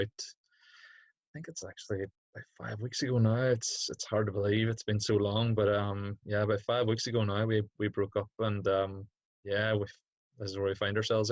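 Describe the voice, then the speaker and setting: In this interview, a young PE teacher from Derry in Northern Ireland answers casually and reflectively, groping tentatively toward each point. The recording is dry and dull, and his voice sits on the low side.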